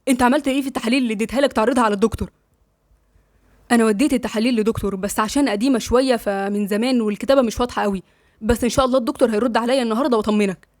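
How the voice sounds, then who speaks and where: A woman with an Egyptian accent voicing a calm, loyal young man who soothes his friend briskly. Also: a little high, no echo, clean studio sound, natural voice. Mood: concerned.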